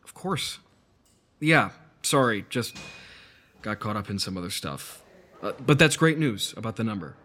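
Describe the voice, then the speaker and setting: A man's voice: lowish voice, animated, unhurried, pauses often, a bit bright. A man playing a laid-back, skeptical investigator in naturalistic audio drama dialogue, casual and understated. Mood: casual, doubtful.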